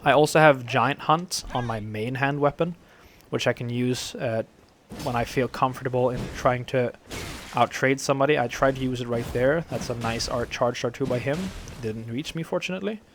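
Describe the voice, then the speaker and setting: Male gamer narrating duels, gravelly from a dry throat, loose and rambling, slight background noise. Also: medium pitch, normal speed. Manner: rambling, relaxed, many fillers. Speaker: gameplay commentator. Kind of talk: casual game commentary.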